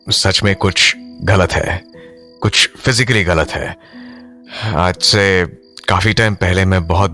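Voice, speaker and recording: A man's voice: low voice, pushed and bright, heavily acted. An actor playing a reserved young man who flusters, apologizes and mixes Hindi with English. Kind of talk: audio drama acting.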